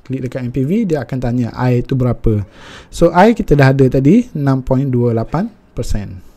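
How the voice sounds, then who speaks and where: Brief: young Malaysian man, mellow tone, patient step-by-step finance tutor, filler-heavy. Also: medium pitch, expressive, moderate pace. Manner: mixes Malay and English, many fillers.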